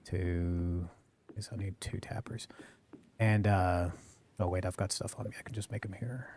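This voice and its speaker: Playing a farming game on a live stream, this man talks casually at normal speed in a deep voice he keeps low, with fairly even intonation. His close boom-arm studio mic picks up background noise as he rambles, self-corrects and apologizes.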